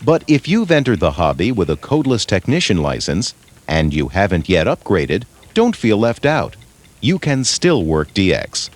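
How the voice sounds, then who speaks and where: A man narrating an instructional video in a clear, explanatory way. His voice sits low, but his pitch rises and falls with plenty of life. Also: huge pitch swings, moderate pace.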